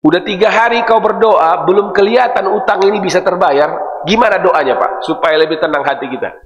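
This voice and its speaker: A man preaching a dawn sermon to a mosque congregation, teasing them with questions and dropping to a hushed voice for prayers. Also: high-pitched, brisk, lo-fi sound. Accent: Indonesian. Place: large mosque hall. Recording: echoey mosque hall.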